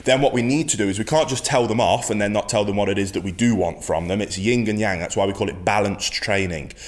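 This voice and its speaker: A man's voice: lowish voice, fast. A man teaching as a dog trainer, giving an instructional talk in a firm, emphatic way and repeating his key points.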